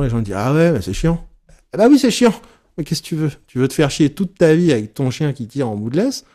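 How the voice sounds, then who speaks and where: A man leading a casual teaching session for therapists, frank and animated, swearing casually and acting out his examples. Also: medium pitch. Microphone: recorded live session, on YouTube.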